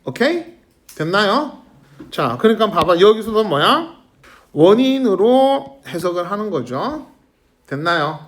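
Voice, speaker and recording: A male teacher lectures a middle school class, firing questions at his students to keep them engaged. His voice sits high and swings widely in pitch. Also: a little slow. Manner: lively, questioning students constantly.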